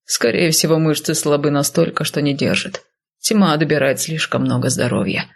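A composed male healer, read by a woman in an audiobook, matter-of-fact and unemotional, delivering everything in an even, dry manner. The voice sits low, husky and slightly gravelly. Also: moderate pace. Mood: calm.

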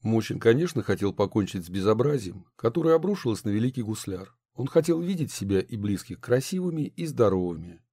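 Man, audiobook narrator, expressive, warm, dry recording. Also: fairly low pitch, fairly quick, few pauses, dry recording. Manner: expressive, storytelling.

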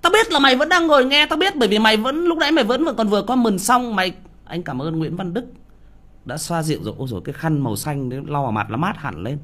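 A man's voice: high voice, animated, quick pace, sharp tone. A man who reads audiobooks on a livestream, scolding a viewer with profanity and rhetorical questions.

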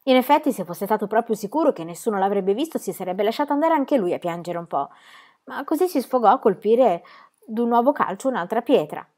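A woman reading a children's storybook aloud in a calm, expressive narrating voice. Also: on the high side, a little fast. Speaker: reader.

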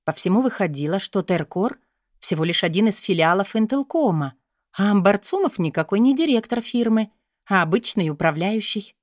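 A woman reading an audiobook in a measured, expressive way. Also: mid-range voice, dry recording, studio quality. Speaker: narrator. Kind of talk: audiobook narration.

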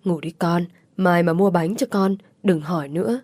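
A woman's voice: lowish voice, normal speed, a little mellow, no echo, natural voice. A woman voicing a heartbroken young mother who soothes her son, with moments of sharpness. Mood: soothing. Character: heartbroken young mother, tender but strained.

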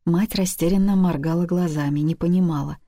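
Woman, audiobook narrator, steady even storytelling, lowish voice, dry close sound. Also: brisk, no echo. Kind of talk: audiobook reading.

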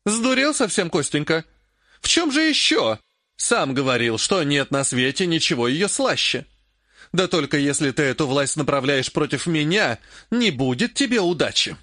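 A man reading an audiobook, voicing a furious, grasping old woman mage in a raised, shrill, scolding voice. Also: lively intonation, normal speed, a bit bright, no room sound, clean studio sound. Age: older.

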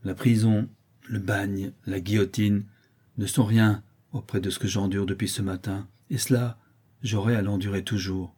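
Storybook role: a blind, vengeful old brigand, low and dark, gruff, as a male reader voices him. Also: little pitch movement, normal speed. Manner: growling, bitter, menacing.

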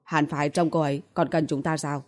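A woman's voice: low voice, fairly even intonation, quick pace, a little mellow. A woman voicing a blunt, protective young man who scolds curtly, in an audiobook reading. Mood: calm. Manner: curt and scolding.

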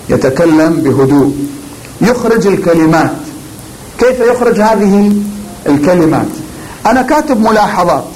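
A man, a cleric, giving a religious lecture on the craft of preaching, speaking deliberately and emphatically with pauses before key words. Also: high-pitched, a little mellow, a little hiss or hum, low-quality recording.

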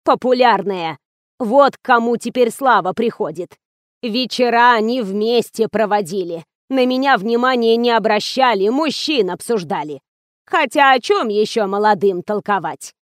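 A fussy, half-deaf old actress with a slow, quavering, rather high voice, as a woman reader puts her on. She drags out her complaints in a dry, close audiobook recording with no room sound. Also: expressive, dry recording, close to an everyday voice. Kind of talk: audiobook character reading.

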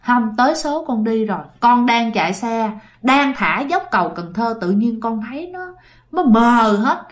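A woman with a Southern Vietnamese accent voicing the ghost of a young man, soft and pleading. He comforts his grieving family in a fairly high, gentle voice, as in a spoken ghost story. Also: animated, unhurried.

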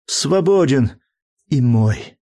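A man's voice: medium pitch, lively intonation, drawn-out words, dark tone, voice pushed up. A man voicing a gushing young woman in love. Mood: ecstatic. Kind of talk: audiobook character reading.

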